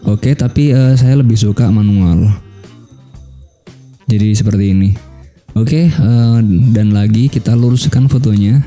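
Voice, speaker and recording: Young guy explaining photo edits, really mellow low voice, chill and thinking out loud, soft music under it. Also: unhurried, long pauses. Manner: relaxed, thinks aloud with many fillers. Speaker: photo editing tutor. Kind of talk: casual screen-recorded tutorial.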